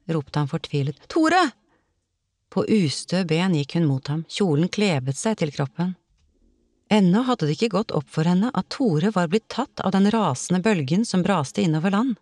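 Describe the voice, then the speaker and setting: A woman narrating a novel in an expressive, dramatic audiobook reading. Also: on the low side, no echo.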